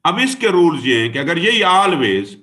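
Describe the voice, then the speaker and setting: Guy teaching exam prep, really animated voice, spells stuff out letter by letter, keeps saying dear student. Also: fairly high pitch, measured pace. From Pakistan. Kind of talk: classroom lecture.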